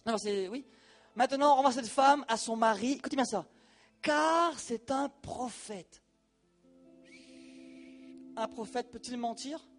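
A male preacher giving a sermon, animated and colloquial, talking straight to the congregation. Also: extremely high pitch, measured pace, pauses often, soft background music.

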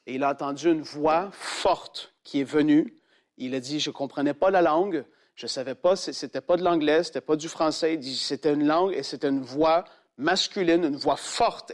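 Animated preacher, high-pitched man. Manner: animated storyteller who acts out quoted voices in a much higher pitch. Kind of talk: sermon storytelling.

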